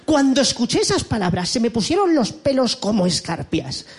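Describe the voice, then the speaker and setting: A man's voice: extremely high pitch, very animated, normal speed, husky. A middle-aged man with a Spanish accent from Spain, performing a stand-up comedy set in a mocking, exaggerated way and slipping into voiced impressions. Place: comedy club stage with a live audience. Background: audience laughter.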